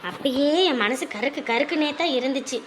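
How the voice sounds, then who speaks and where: A woman's voice: high-pitched, brisk, a bit bright, slight background noise. An actress playing a suspicious widowed mother who scolds her sister-in-law in a family drama. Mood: accusing. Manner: scolding, accusing.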